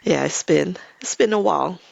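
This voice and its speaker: Malaysian woman, thoughtful and slightly gravelly. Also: lowish voice, lively intonation, darkish tone, dry recording, highs cut off. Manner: thoughtful, measured, frequent hedging "I think". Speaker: podcast guest. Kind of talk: reflective interview talk.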